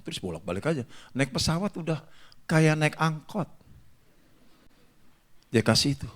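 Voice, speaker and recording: A man preaching a sermon as a pastor, telling a funny story to his congregation with laughter. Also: a little high. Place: church hall.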